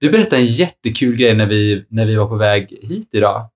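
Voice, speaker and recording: Relaxed, chatty man with a lowish voice and a lot of filler words. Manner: relaxed, chatty, many fillers like "liksom" and "typ". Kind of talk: casual chat.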